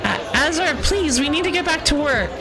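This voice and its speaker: A woman's voice: high voice, lively intonation, moderate pace, over music, crowd noise, pitched above the performer's own voice. Woman reading as a bossy, scolding game heroine. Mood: urgent. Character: bossy, exasperated responsible sister and former manager. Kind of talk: reading video game dialogue aloud in character.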